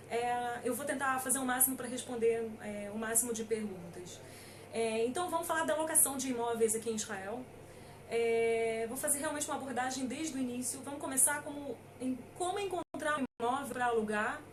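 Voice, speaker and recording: A woman's voice: high voice, brisk, recorded from a distance. A middle-aged Brazilian woman lawyer giving an informal talk, hesitant with many fillers and emphatic on key points. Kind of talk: informal lecture.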